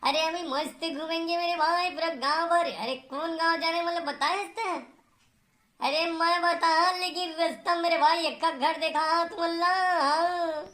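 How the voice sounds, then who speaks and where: A woman's voice: very high voice, steady tone, unhurried, a bit bright. A woman voicing a teasing male village friend in a cartoon comedy, speaking with a Chhattisgarhi accent and bantering constantly. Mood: cheeky. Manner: bantering, calls out "arre yaar" often. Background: background music.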